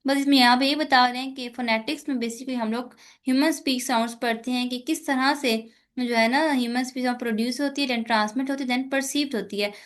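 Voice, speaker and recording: Woman tutor, Pakistani accent, slightly high pitch, exam-prep lecture with frequent fillers. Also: fairly even intonation, fairly quick. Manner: mixes English terms into Urdu, many fillers. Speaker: teacher.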